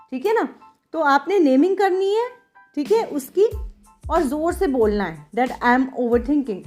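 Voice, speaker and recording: High-voiced woman explaining self-help. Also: darkish tone. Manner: teacherly, repeats points with frequent check-ins; mixes English terms into Hindi. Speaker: podcast host, doctor.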